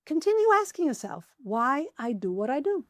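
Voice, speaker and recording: A woman in her forties speaks as a guest on an interview podcast. Her fairly high voice turns animated and leaps upward when enthusiasm takes over. The sound is close and dry. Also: normal speed, no echo. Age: 40s. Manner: enthusiastic, pitch jumps up when excited; animated, acts out her own inner questions. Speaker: podcast guest, applied philosopher. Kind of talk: conversational interview.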